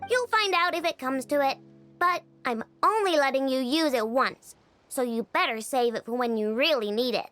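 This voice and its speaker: A woman's voice: sits high, normal speed, fairly bright tone. A woman voicing a young girl who builds gadgets, confident and a little secretive, in game dialogue. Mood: teasing. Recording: game music underneath.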